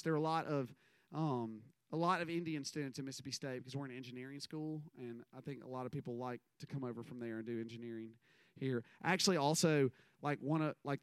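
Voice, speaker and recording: A man's voice: a little high, a bit bright, clean tone, no room sound. A man, giving a casual, rambling sermon full of stories and self-deprecating asides. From American South. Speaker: minister.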